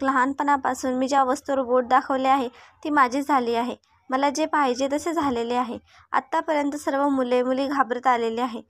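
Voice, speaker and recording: A boastful, possessive young heir from a storybook, as a woman narrator reads him. He is spoken in a high, close and dry voice with a confident, bragging manner. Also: no room sound, natural voice. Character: brash rich young man, possessive and cocky.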